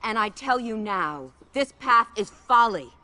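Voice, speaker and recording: Proud, commanding Amazon warrior princess. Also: female voice, fairly high pitch, expressive, a little slow, sharp tone. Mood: rousing, commanding. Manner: formal, declamatory, imperious. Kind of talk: dramatic video game cutscene acting. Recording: music behind the voice.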